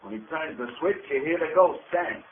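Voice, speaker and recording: A man's voice: fairly high pitch, expressive, a little fast. An actor playing a tough, cocky male gangster who talks in blunt street slang, heard as an old AM radio broadcast. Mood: sneering. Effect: old AM radio broadcast sound. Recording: tinny, faintly hissy 1930s AM radio.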